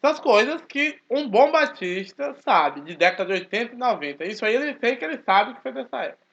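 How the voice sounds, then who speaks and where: A man, talking casually to his channel in a forceful, emphatic way. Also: extremely high pitch, a little fast, vocal fry. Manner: speaks forcefully, animated and emphatic. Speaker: channel host, Baptist churchgoer. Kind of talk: casual spoken commentary. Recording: dull lo-fi recording.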